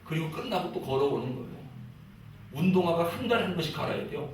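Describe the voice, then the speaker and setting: Brief: middle-aged male preacher with a fairly high voice, lively sermon delivery, recorded from a distance in a very echoey church with faint noise. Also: fast talker. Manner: animated, mimics pleading prayers. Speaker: pastor. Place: church sanctuary.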